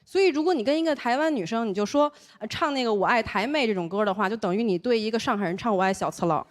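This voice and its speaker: A young woman from Taiwan who speaks with a Beijing accent, doing an animated stand-up comedy set on a stage and slipping into other people's voices. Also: on the high side, rapid-fire. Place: comedy stage before a live audience.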